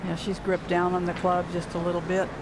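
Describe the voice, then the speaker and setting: A man's voice: high voice, completely flat delivery, a little fast, very noisy. A man giving golf commentary as an analyst, conversationally explaining the play.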